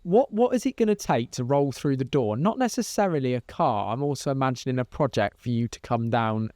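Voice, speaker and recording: A man's voice: mid-range voice, animated, fairly quick, darkish tone, no echo, clean studio sound. A man hosting a casual interview, asking chatty and teasing follow-up questions. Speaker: podcast host.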